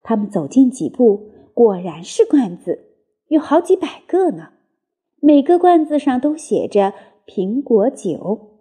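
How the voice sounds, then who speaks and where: A woman reading a children's story aloud in a lively, expressive way. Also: high-pitched, unhurried, breathy edge.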